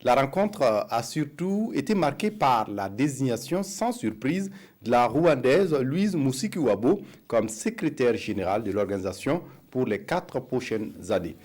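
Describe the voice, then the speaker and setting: Lively-voiced male news anchor. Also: medium pitch. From Burkina Faso. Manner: measured, formal delivery. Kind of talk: read news bulletin.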